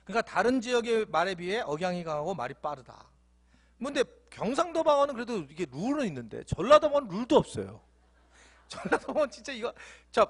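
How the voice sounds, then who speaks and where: A man's voice: sits high, fairly bright tone, husky. A male pastor preaching a sermon in a church, playful and often laughing.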